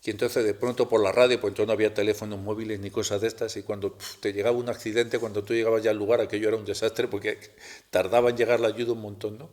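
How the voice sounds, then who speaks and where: Man, middle-aged, low-pitched, storytelling talk, halting, restarts often. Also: little pitch movement, a little mellow. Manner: halting, with many restarts and rhetorical tags. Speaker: speaker at a spiritual center.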